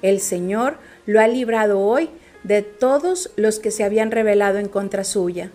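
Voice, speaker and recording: A woman's voice: mid-range voice, moderate pace, darkish tone, soft background music, lightly acted. A woman reading the part of a formal foreign male runner bringing news.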